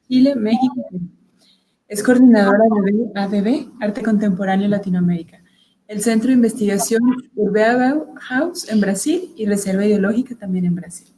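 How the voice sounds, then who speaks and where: Mellow-voiced woman moderator reading an intro. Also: medium pitch, a little hiss or hum, rough recording. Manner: formal, reading a prepared script. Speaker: event moderator. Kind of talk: read-out introduction.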